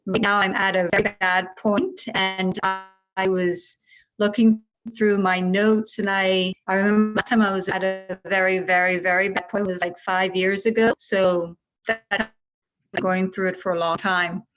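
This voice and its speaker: A woman's voice: medium pitch, flat delivery, moderate pace, fairly bright tone. A woman from the Bahamas introducing herself on a video call, hesitant, with many fillers. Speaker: guest. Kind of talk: casual self-introduction. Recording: dull video call audio with faint music.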